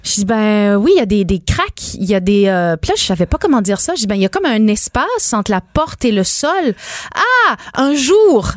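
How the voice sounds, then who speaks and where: A woman's voice: mid-range voice, fairly quick, few pauses, dry recording, clean studio sound. A woman with an Acadian French accent, a guest in a casual radio interview, telling stories animatedly and laughing often. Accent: Acadian French, shifting toward Quebec. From New Brunswick, Canada. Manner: animated storytelling, acting out quoted voices, laughing often. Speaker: singer, guest.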